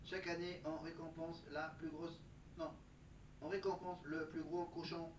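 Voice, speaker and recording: A mechanical chatbot robot voice, put on by a man, reading facts in a dead-level tone with almost no rise or fall. His pitch sits a bit high for a man. The sound comes from a distance in an echoey space, dull and lo-fi with clear noise behind it. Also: flat delivery, normal speed, close to an everyday voice. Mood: monotone. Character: flat monotone chatbot robot voice. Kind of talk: factual segment delivered as a robot.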